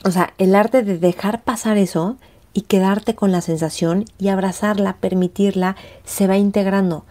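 A woman's voice: mid-range voice, normal speed. A woman, hosting a motivational talk and acting out the inner voices she describes. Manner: expressive, acts out inner voices. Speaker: host.

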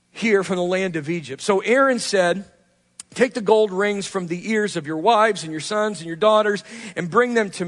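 A man preaching a sermon as pastor, swinging from loud emphasis to hushed asides. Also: extremely high pitch. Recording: long reverb of a large hall.

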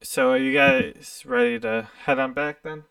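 Casual game master, gravelly and animated, far-off dry mic. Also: medium pitch, unhurried, dry recording. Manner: casual, filler-heavy, restarts. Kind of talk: narrating a tabletop game.

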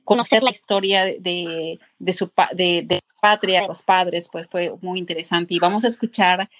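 A woman hosting a podcast opens a casual interview with chatty warm-up questions, full of fillers and frequent restarts. Her voice is fairly low with a steady tone, at normal speed.

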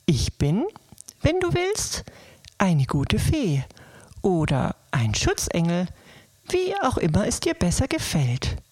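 A woman voicing a tiny cheerful female fairy in a bedtime story, speaking softly and gently with a breathy voice. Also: lowish voice, wildly swooping pitch, slow pace, no room sound, heavily acted. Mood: gentle reassuring. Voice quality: soft, breathy. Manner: gentle, coaxing, lilting.

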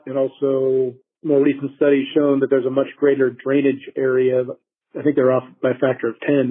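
A man's voice: medium pitch, husky. A man being interviewed over a bad phone line, giving casual, explanatory answers with some hesitant, approximate phrasing. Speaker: interviewee, dam quality control specialist. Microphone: phone call.

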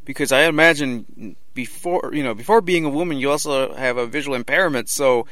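A man's voice: medium pitch, a little fast, a bit bright, no echo. Thoughtful man posing a question. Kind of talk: casual conversation.

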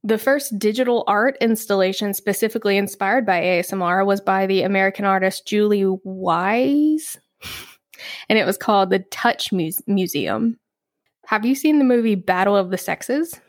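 A chatty woman co-hosting a podcast, reading research notes aloud between casual banter. Her voice sits at a middling pitch. It is recorded close and dry, with no room sound. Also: animated, moderate pace, no room sound. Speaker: podcast co-host. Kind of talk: casual chat.

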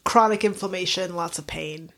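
Agreeable young woman podcast co-host. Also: fairly low pitch. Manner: supportive, agreeable, quick to chime in. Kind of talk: casual chat.

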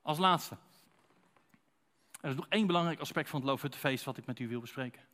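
Dutch man preaching a lively sermon. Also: a little high, quick pace. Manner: conversational, addresses congregation directly with rhetorical questions.

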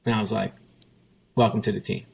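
Brisk and level in tone, a former chief executive's low-leaning voice sounds creaky, husky and a little mellow. He's a guest telling a story in a relaxed interview, pressing his points, repeating them, and quoting himself and other people.

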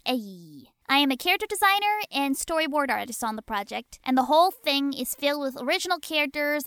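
A woman's voice: high voice, fairly bright tone, no room sound, studio quality. A woman guest, friendly and enthusiastic, plugging a creative project.

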